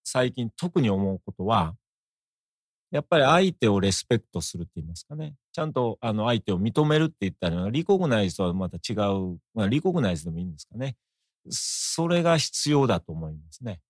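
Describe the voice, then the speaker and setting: A middle-aged man with an Osaka accent, a guest in a conversational interview, talking in a measured, reflective way. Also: fairly low pitch, sing-song, no room sound, studio quality. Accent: Osaka Japanese.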